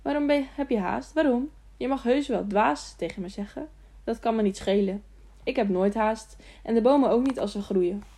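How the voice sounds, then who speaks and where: A woman's voice: fairly high pitch, moderate pace, dark tone. Woman putting on an eager childlike young fool. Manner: repetitive, pleading questions. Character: simple-minded young man, childlike, lonely and eager.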